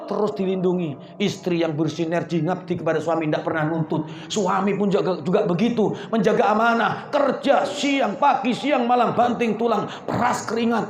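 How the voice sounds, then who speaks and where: Hoarse high-voiced preacher. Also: male voice, moderate pace, hardly any pauses, slight background noise. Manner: animated, addressing the women directly. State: hoarse, voice nearly gone. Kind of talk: storytelling sermon. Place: hall at a women's religious gathering. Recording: echoey hall with light ambience.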